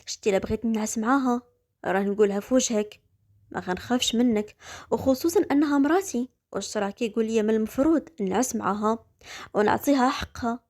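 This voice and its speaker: A woman's voice: quick pace, a little mellow, natural voice. A woman with a Moroccan accent voicing a furious, jealous young husband, angry and accusing. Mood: bitter. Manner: angry, accusing, lower-pitched.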